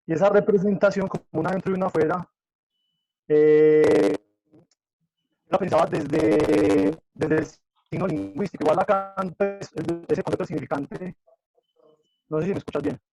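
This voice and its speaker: A man's voice: on the high side, expressive, normal speed, long pauses, dark tone, soft background music, rough recording. A man asking a thoughtful question in an academic discussion, his audio choppy and breaking up over a video call. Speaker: audience member asking a question.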